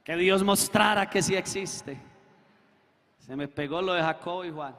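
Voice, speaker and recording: A man preaching a testimony in church, acting out the voices in his story and rising to shouts. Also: sits high, unhurried. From Colombia. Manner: acts out quoted dialogue, swells to shouting. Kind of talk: sermon testimony. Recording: echoey hall with long reverb.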